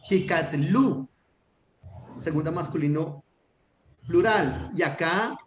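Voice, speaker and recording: A man with a fairly high voice teaches step by step, patient and methodical, often pausing to check that his student is following. The sound is echoey, with a faint hiss behind it. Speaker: Hebrew teacher. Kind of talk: online grammar lesson. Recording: echoey room with faint noise.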